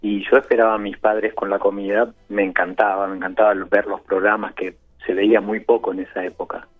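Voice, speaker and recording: A man's voice: lowish voice, flat delivery, brisk, faint music behind. Buenos Aires man on a tinny phone line. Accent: Buenos Aires Spanish. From Argentina, Buenos Aires. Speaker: guest chef. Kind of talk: phone interview.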